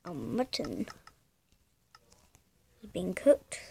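A woman's voice: on the low side, very animated, extremely slow, gravelly, slight background noise. A young woman casually commentating her gameplay, thinking aloud hesitantly and humming to herself. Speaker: gamer.

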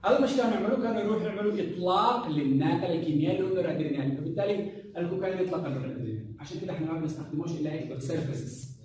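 A man's voice: high voice, rapid-fire, darkish tone. A man giving a pharmacology lecture to a class, often quizzing the students with rhetorical questions and mixing English drug terms into his speech. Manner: mixes English drug terms into colloquial Arabic. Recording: echoey classroom from a distant mic with faint noise.

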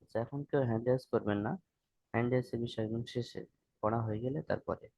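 A man teaching an online class, slowly chanting a prayer line by line, then explaining its pronunciation in quick, plain speech. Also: medium pitch, steady tone, vocal fry, dark tone. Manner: slow drawn-out chanting of the prayer.

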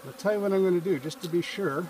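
A man calmly walking through a beehive check step by step, filmed outdoors on a farm from a few feet away. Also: sits high, fast, a little hiss or hum. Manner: calm, explains step by step while working. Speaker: hobby beekeeper. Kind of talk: casual how-to narration. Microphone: camera a few feet away, speaker in a bee suit and veil. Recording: distant outdoor camera audio, buzzing bees.

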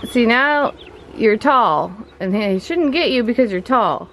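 A woman's voice: a little high, animated, unhurried, a little hiss or hum. A woman vlogging outdoors on her homestead, patiently coaching her child in a chatty way and talking to the camera. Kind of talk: casual vlog talk to her child and camera. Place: outdoors on a farm yard.

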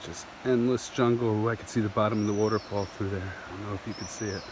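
A vlogger in his thirties narrates while hiking down a steep jungle trail, holding his phone camera at arm's length. He talks fast and rambles enthusiastically with frequent laughter, his lowish voice fairly even in intonation, over background noise.

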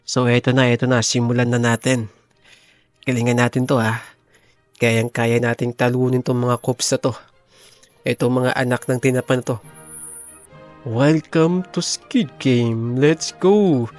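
A man giving frantic, excited commentary while playing an online game, repeating short panicked cries and squealing in fright. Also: mid-range voice, unhurried, pauses often, no room sound, soft background music. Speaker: gaming video host. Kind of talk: excited Roblox gameplay commentary.

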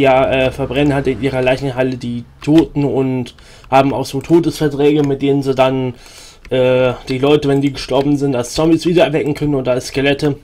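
A man's voice: mid-range voice, darkish tone. A man streaming a role-playing game, chatting casually with many fillers and restarts and reading game text aloud.

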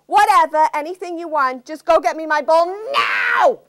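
A woman's voice: very high voice, normal speed, fairly bright tone, no echo, studio quality, voice pushed up. A woman playing a bratty spoiled princess. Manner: whiny, impatient, snippy.

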